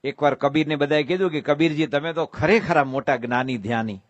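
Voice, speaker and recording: A man's voice: on the high side, fairly quick, no room sound, highs cut off. A man with a Gujarati accent giving a devotional sermon, telling stories, asking rhetorical questions and breaking into sung verses. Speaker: preacher giving a religious discourse.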